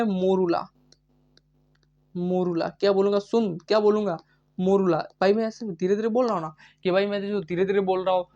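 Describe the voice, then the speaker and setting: A man's voice: high voice, highs cut off. Guy teaching biology online, keeps asking stuff and answering it himself, repeats the words over and over. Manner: repeats questions and answers them himself, drilling terms; chatty, addresses students as bhai. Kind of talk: live online lecture.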